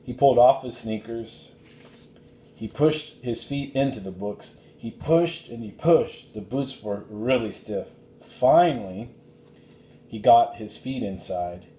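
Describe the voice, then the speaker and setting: Expressive and deliberate, a male reader narrates a children's chapter book from the text. Faint noise, a low rumble, and a roomy echo are audible.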